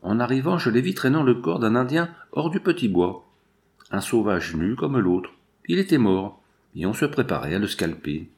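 A man narrating an audiobook in an expressive, dramatic reading style. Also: medium pitch, normal speed. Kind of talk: scripted narration.

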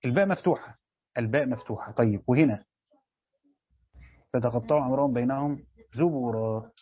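A man's voice: medium pitch, quick pace, breathy edge, no room sound. A man with an Egyptian accent teaching Quran commentary as a sheikh, quizzing his students and repeating key phrases. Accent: Egyptian Arabic. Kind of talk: classroom lesson with questions to students. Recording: dull lo-fi recording.

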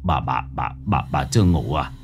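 A man's voice: a bass voice, lively intonation, normal speed, soft background music, pitched below the performer's own voice. A man voicing a frightened old village shaman who stammers and mutters. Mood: shaken. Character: terrified old male village shaman, shaken and trembling.

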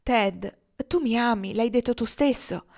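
A woman's voice: a little high, measured pace, creaky, a little mellow, voice pushed up. A woman reading the lines of an earnest young woman in love who speaks with blunt frankness. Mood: pleading. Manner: frank, direct.

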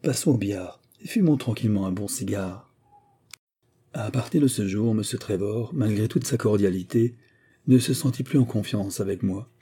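Male narrator, audiobook, measured, lowish pitch, mellow. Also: slightly rough. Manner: steady, measured reading. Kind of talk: scripted first-person audiobook narration.

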